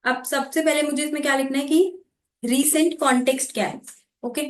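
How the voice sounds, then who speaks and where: A woman teaching exam preparation, explaining how to make notes and reading passages aloud slowly in a mix of Hindi and English. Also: high voice, fairly even intonation, roomy sound. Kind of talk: explaining note-making while reading aloud.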